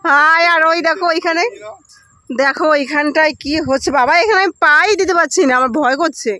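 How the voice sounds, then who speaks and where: A young woman talks to her viewers as she walks along a muddy riverbank outdoors, keeping things chatty for a casual travel vlog. Her high voice is brisk, pushed and bright, with no room sound at all.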